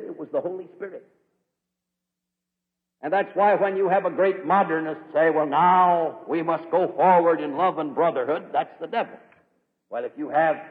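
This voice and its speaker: Tinny old recording of a preaching man. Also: a little high. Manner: emphatic, swings from loud to hushed. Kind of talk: fiery sermon. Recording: tinny lo-fi recording with long hall reverb.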